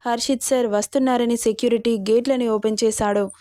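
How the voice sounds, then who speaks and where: A woman narrating a serialized romance story in a steady reading voice. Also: on the high side, a little fast, dry recording.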